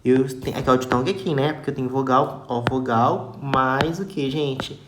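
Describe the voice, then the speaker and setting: A teacher with a Brazilian accent giving a grammar lesson, slowly and patiently repeating each example word and asking the class for answers. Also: medium pitch. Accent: Brazilian Portuguese. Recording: echoey room with steady background noise.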